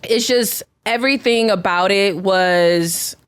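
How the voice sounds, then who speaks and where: A woman's voice: mid-range voice, slow pace, clean tone. A woman guest on a podcast, talking casually and enthusiastically and laughing often. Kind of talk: casual chat.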